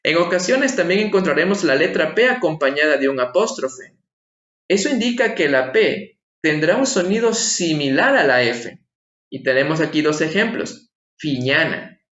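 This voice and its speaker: A man's voice: a little high, expressive, moderate pace, a bit bright. A man teaching a language lesson online, explaining patiently and asking his viewers rhetorical questions. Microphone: screen-share voice-over. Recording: echoey room, slightly dull lo-fi sound.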